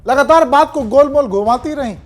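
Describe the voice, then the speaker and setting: Pointed high-pitched news voice-over. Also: normal speed. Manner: pointed, sarcastic asides. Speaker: voice-over narrator.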